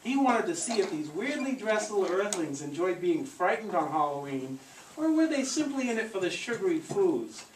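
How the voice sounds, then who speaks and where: The medium-pitched voice swings widely in pitch at normal speed as the storyteller reads to a live group, theatrical and encouraging, pausing for coaching asides. A far-away handheld camcorder captures this audio theatre show in a noisy, echoey room.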